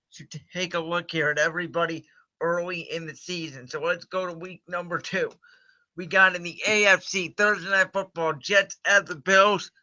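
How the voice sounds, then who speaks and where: A man's voice: high voice, sharp tone, dull audio. A man chatting casually and confidently as he hosts a livestream of sports predictions, recorded on a home computer mic. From Cleveland, United States. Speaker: host.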